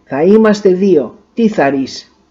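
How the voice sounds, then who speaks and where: A woman voicing a devoted, bold young woman in a storybook reading, pleading in a raised, higher voice. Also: animated, mellow, slightly rough, muffled recording.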